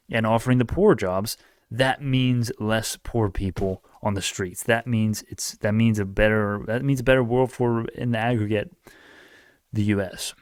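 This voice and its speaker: Teen male vlogger, fairly low voice, dry close-miked sound; rambling, opinionated, self-correcting delivery. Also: a little mellow, smooth, dry recording. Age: late teens. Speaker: YouTube commentator. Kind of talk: casual political rant to camera.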